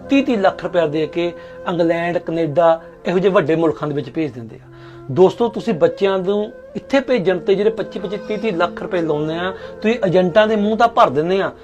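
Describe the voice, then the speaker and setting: A man acting a skit and speaking to viewers, halting and earnest. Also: sits high. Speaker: skit creator and actor. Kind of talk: scripted skit and address to viewers.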